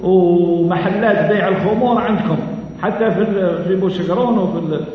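High-voiced Algerian preacher in an echoey hall. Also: male voice, a little hiss or hum. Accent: Algerian Arabic. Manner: earnest, drawn-out emphatic phrasing with repetitions. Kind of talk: mosque sermon. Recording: echoey hall, dull low-fi sound.

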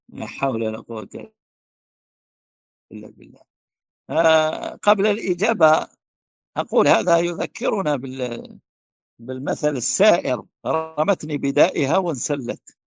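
A man's voice: fairly high pitch, animated, moderate pace, vocal fry, pauses often, no echo. A man answering a question as a religious scholar, emphatic and declaiming, with repeated rhetorical questions and stumbles on words. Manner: emphatic, rising to forceful declarations.

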